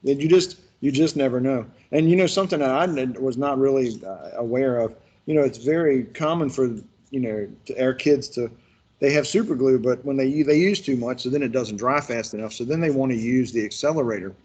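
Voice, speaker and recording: A man's voice: medium pitch, fairly quick, darkish tone, breathy edge. A man leading a workshop, telling folksy stories in a rambling way with lots of restarts. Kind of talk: casual virtual workshop instruction.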